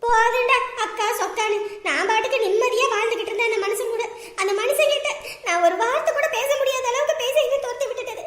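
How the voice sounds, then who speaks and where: A woman playing a wronged daughter who scolds and accuses her mother and brother with biting sarcasm. Her voice is very high, bright and rapid. It rings out in an echoey room with a long tail. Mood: bitter. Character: bitter wronged married daughter, sent away by her husband.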